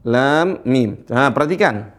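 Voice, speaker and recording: A man teaching Quran recitation in a slow lesson, patiently repeating letters and checking that his students follow. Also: mid-range voice, lively intonation, a bit bright. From Indonesia.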